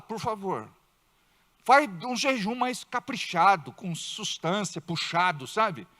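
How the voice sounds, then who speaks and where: This is a male pastor preaching in church with a Brazilian Portuguese accent. His voice sits high, and he performs the voices of people he quotes, with abrupt loud bursts.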